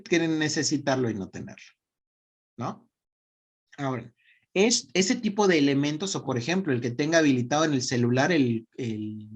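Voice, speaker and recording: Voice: medium pitch, slightly rough. A speaker with a Mexican accent giving a casual talk on parenting, emphatic, tagging points with short checks and acting out quoted dialogue. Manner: emphatic, tags lines with "¿no?" and "punto"; acts out little quoted dialogues. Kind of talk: casual lecture.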